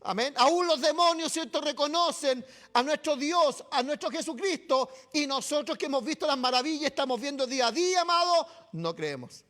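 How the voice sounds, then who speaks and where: Chilean male pastor, very high voice, sermon, keeps checking in with the congregation. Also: expressive, moderate pace, a bit bright. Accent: Chilean Spanish. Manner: keeps adding "¿cierto?" and "amado" to address the congregation. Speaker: preacher. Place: church.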